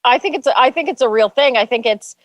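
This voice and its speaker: A woman's voice: high-pitched, quick pace, no echo. Female panelist, easygoing, hedging delivery, dry recording. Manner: conversational, hedging with "I think". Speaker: political panelist. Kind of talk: casual panel chat.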